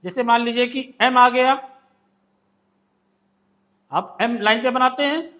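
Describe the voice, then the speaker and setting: Very high-voiced man teaching slowly. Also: bright, forceful tone. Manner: slow, patient drilling with repeated stroke names. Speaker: shorthand teacher. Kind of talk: step-by-step shorthand lesson. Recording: long reverb in a hall.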